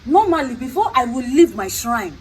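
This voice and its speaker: A woman's voice: high voice, very animated, moderate pace, a little mellow, a little hiss or hum, rough recording. A woman with a Nigerian accent talking in a stern, scolding way, repeating herself for emphasis. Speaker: traditional priestess. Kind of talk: unscripted confrontational talk.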